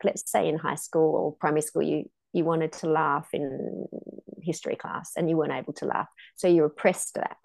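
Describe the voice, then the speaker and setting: A woman's voice: low-pitched, gravelly, darkish tone, no room sound. A woman in her fifties, a sex and intimacy coach, explaining in an earnest, casual way in a podcast interview.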